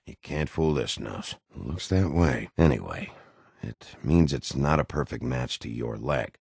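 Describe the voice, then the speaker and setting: A gruff wolf-man detective from a video game. The voice is extremely deep and full of gravel, recorded close and dry. He speaks in terse, brooding, hard-boiled lines like a seasoned interrogator. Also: fairly bright tone, no room sound, exaggerated voice. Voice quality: gravelly, husky growl.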